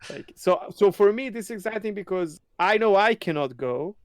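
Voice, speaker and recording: Man from serbia, excitable podcast co-host, clear smooth voice, dry sound. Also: high voice, normal speed, no echo. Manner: excitable, laughing often. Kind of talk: casual gaming podcast chat.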